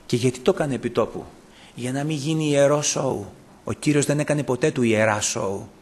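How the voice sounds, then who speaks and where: A man pastor delivering an impassioned sermon, swinging between loud declarations and hushed confession. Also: medium pitch, slightly rough.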